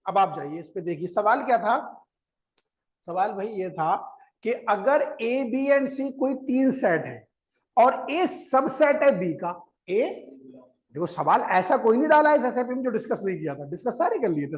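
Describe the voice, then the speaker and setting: Man, maths teacher, classroom lecture, fairly high voice, coaxing, quizzes students, repeats steps. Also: sing-song, normal speed. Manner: coaxing, urges students to listen before writing.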